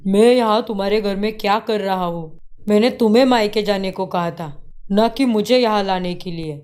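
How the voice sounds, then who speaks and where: A woman's voice: mid-range voice, normal speed, darkish tone, close to an everyday voice. A woman voicing a short-tempered young husband in a cartoon story, scolding sharply. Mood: angry. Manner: angry, scolding.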